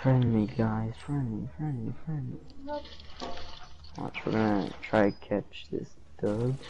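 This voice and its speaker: A man's voice: fairly low pitch, takes it slowly, creaky, dark tone. Slangy male gamer on noisy mic. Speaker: video game streamer. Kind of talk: casual gaming chat with a teammate. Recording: noisy game mic with clicks.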